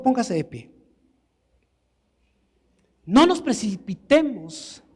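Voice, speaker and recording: A man's voice: high-pitched, darkish tone, in a large hall. A man preaching a sermon in a church, emphatic and building to exclamations. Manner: emphatic, rises to exclamations and acted quotes.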